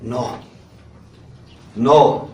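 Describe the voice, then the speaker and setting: Pastor preaching in an echoey hall. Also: male voice, medium pitch, drawn-out words, warm tone, lo-fi sound. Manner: reads scripture aloud and asks the congregation questions. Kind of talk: sermon. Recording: echoey room, from a distance.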